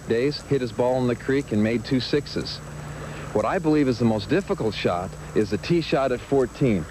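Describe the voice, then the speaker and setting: A man's voice: mid-range voice, darkish tone, poor audio. A man working as a golf analyst, explaining the course and the play in plain-spoken, conversational sports commentary. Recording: clear outdoor background noise.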